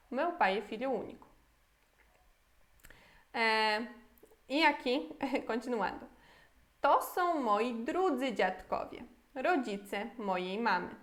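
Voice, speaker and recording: A woman's voice: on the high side, fairly bright tone. A woman with a Brazilian Portuguese accent teaching a beginner language lesson, patiently breaking words into syllables and checking in often. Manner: patient, slow syllable-by-syllable pronunciation drills, checks in with "tá?". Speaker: Polish teacher.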